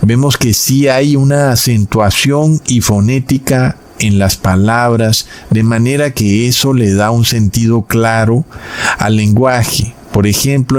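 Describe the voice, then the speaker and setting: A man preaching in a sermon-style Bible lesson, addressing his listeners as brothers and slowing down on key words for emphasis. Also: medium pitch, a little mellow.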